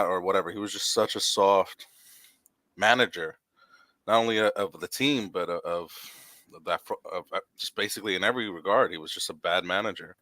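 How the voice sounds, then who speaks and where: Low, bright-toned man venting opinions. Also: no echo. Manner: opinionated, rambling with restarts. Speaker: podcast host. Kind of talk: casual sports chat.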